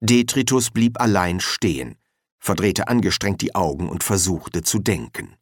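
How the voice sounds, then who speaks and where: Lively male audiobook narrator, bone-dry booth, animated delivery. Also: sits low, moderate pace, no room sound.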